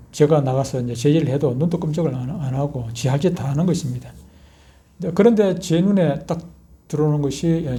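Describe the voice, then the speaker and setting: A middle-aged man, a pastor preaching a sermon and telling stories animatedly. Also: mid-range voice. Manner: animated storytelling, acting out scenes with loud outbursts. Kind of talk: sermon with personal storytelling.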